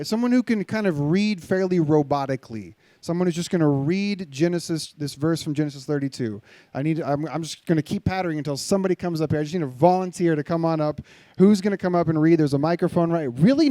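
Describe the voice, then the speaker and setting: A middle-aged male pastor giving a live sermon, conversational and animated, joking with and directing the audience. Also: fairly high pitch, dry recording.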